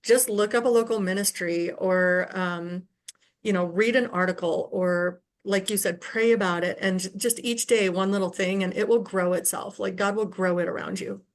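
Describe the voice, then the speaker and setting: A woman's voice: medium pitch, steady tone, normal speed. A woman who co-founded a ministry and wrote a book, speaking as a guest on a faith-based podcast. She sounds earnest and encouraging and uses many filler words.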